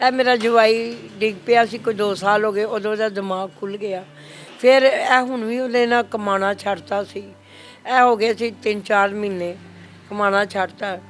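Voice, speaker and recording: A woman's voice: mid-range voice, fairly even intonation, normal speed. An older woman with a Punjabi accent, grief-stricken, telling a reporter what happened in a pleading, repetitive way. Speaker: mother of the victim. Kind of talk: grieving testimony to a reporter.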